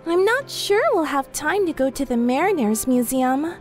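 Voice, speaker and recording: A man voicing a cheerful, scheming young woman in a fan audiobook, high and bubbly. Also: lively intonation, moderate pace, soft background music. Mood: worried. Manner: bubbly, high and breathy, faux-whimpering when playing lost.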